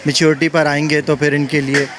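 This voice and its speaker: A man's voice: a little high, flat delivery, fairly quick, fairly bright tone, slight background noise. Polite hesitant father. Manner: polite, hesitant, searching for words. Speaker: parent at the carnival. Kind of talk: short interview answers. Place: outdoor school carnival.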